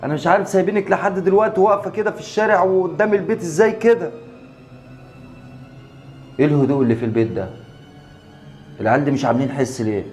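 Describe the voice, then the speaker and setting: A man's voice: on the high side, animated, darkish tone, soft background music. A middle-aged man with an Egyptian Arabic accent, playing a scolding, order-giving father in a casual family skit. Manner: bossy, scolding, quick to give orders.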